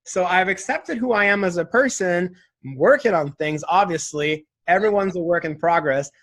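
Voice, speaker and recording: A man's voice: sits high, moderate pace, a bit bright. A man in his twenties, a guest in a casual interview, talking candidly and reflectively, with lots of "like" and "right?". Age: 20s.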